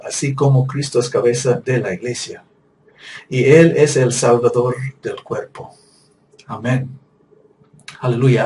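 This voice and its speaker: A man's voice: medium pitch, darkish tone, distant mic, a little hiss or hum. A male preacher giving a sermon, emphatic and repetitive, with rhetorical questions.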